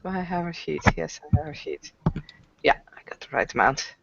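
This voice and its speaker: Lively-voiced woman player. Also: low voice, a little fast, creaky, no room sound, lo-fi sound. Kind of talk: casual tabletop play.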